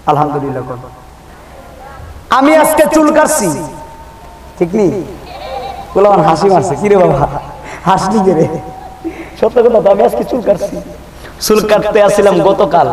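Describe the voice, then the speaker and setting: A man with a preaching an Islamic sermon, swinging between loud emphatic peaks and low asides to the crowd. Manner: emphatic, alternates shouting highs with low asides, chides listeners. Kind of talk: Islamic sermon at an open-air gathering. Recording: echoey, distant PA sound.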